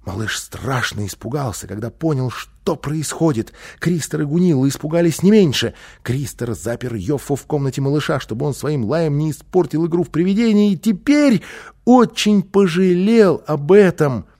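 Gravelly expressive male storybook narrator. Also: a little high, normal speed. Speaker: audiobook narrator.

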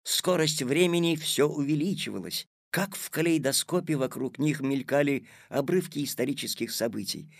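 A man reading a children's tale aloud as narrator, with expressive storytelling on a close studio mic. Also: medium pitch, gravelly, no room sound. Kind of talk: audiobook narration.

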